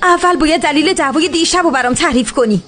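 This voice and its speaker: A woman's voice: high-pitched, fairly bright tone, faint music behind. An actress playing a hurt young woman pleading with her partner in a dubbed TV drama. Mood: upset. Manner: pleading, upset, emotional.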